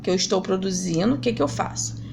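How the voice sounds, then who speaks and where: A woman's voice: medium pitch, animated, fast, gravelly, very noisy. A woman teacher giving a recorded grammar lesson to schoolchildren, patiently explaining step by step and asking rhetorical questions.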